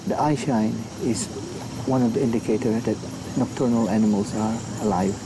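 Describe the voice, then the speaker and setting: A man's voice: fairly low pitch, normal speed, background noise. A man explaining night wildlife spotting for a documentary. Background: background music.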